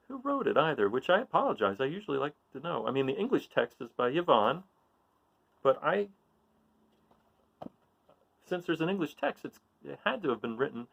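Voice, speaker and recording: A man with a slightly high, gravelly voice leads a children's read-aloud, working through a picture book and encouraging his young listeners with frequent questions. The sound is lo-fi.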